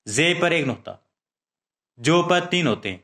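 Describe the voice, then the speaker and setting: A man's voice: a little high, animated, a bit bright. Man teaching children the alphabet. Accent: Pakistani Urdu. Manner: slow, drawn-out recitation with frequent check questions.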